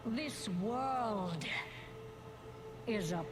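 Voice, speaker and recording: An actress playing a proud, defiant, menacing dark warrior queen in a cinematic game trailer, dramatic and deliberate. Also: fairly high pitch, animated. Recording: loud orchestral trailer soundtrack.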